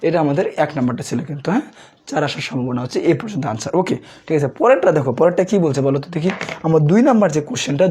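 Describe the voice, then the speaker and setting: A young male tutor from Bangladesh teaches a revision math class with a sore throat. His voice is husky and dark, and he talks fast, firing questions at his students and answering them himself. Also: on the high side.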